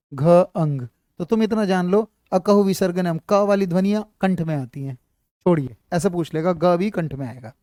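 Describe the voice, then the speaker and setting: A man teaches a live Hindi class, walking students through letters and their sounds. His voice is dark and mellow, recorded close and dry with no room around it. He repeats points and keeps asking if the class is following. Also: high voice, clean tone, no room sound. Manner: repetitive, checks often that students follow; addresses students fondly as child. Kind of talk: live online class, explaining at a board.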